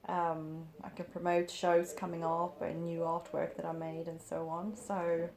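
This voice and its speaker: A woman in her forties, raised in Sweden, giving thoughtful, hesitant interview answers as an artist, with many pauses and ums. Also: lowish voice, monotone, a little mellow. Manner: thoughtful, hesitant, with frequent ums and light laughs.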